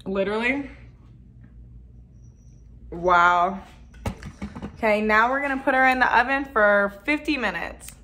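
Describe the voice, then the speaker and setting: A young woman talking casually through a cooking tutorial in her apartment kitchen, excitable and chatty, full of "like" and "oh my God," picked up by a camera mic across the room. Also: fairly high pitch, a little slow, long pauses. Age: young adult. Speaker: cooking vlogger. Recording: echoey room, faint noise.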